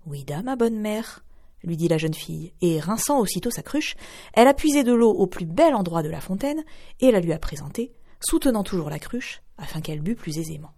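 A woman reads a fairy tale for radio in a clear, expressive voice. Her pitch moves in a lively, wide melody. She narrates at a measured storyteller's pace. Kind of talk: storybook reading.

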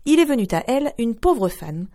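A woman, reading a fairy tale aloud in a clear, expressive way as a radio storyteller. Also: fairly high pitch, normal speed.

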